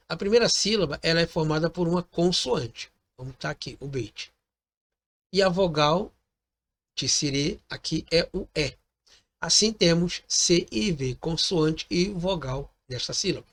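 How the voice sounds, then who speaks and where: A man's voice: a little high, a bit bright. A man teaching a recorded lesson, patiently explaining step by step and often checking in with his listeners. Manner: patient, repeats points, ends phrases with "tá bom?".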